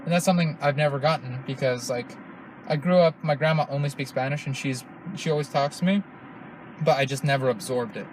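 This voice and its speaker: A man's voice: mid-range voice, fairly quick, a little hiss or hum, low-quality recording. A young man hosting a podcast in casual chat, rambling and cursing with many restarts. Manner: rambling, profane, restarts often. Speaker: podcast host.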